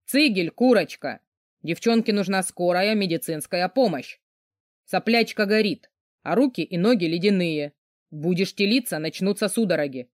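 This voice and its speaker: A woman voicing a gruff, burly male boss who barks rude commands and swears. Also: high voice, expressive, normal speed, no room sound, studio quality. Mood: gruff angry.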